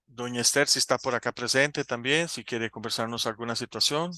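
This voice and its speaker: A man's voice: medium pitch, a little fast, bright, forceful tone, dry recording, clean studio sound. A man moderating a support session over a video call, politely and formally inviting guests to speak. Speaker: foundation president moderating. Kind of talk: courteous moderation.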